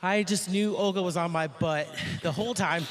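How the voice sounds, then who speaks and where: A woman's voice: lowish voice, moderate pace. A breathless female strength athlete answering interview questions candidly.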